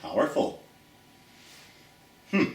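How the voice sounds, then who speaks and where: Speaking slowly, a man hosts storytime for kids, addressing them directly with a folksy, theatrical, chatty delivery like an expressive picture-book reading. The recording has a roomy echo and he's distant from the microphone.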